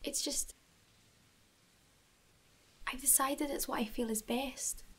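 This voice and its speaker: A woman's voice: high-pitched, fairly even intonation, slow pace, fairly bright tone, slightly rough, heavily acted. An actress playing a young woman with a northern English accent who is awkwardly breaking up with her boyfriend. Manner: hesitant, repetitive.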